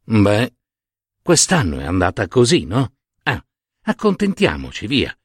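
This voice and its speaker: A man's voice: on the low side, huge pitch swings, measured pace, breathy edge, dry recording, studio quality, full character voice. A man playing a humble poor shoemaker. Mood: homely, musing. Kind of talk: storybook reading.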